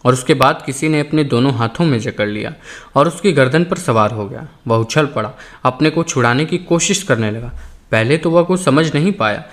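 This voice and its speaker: A man narrating a novel as an audiobook in a measured, expressive reading. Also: mid-range voice. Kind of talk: scripted narration.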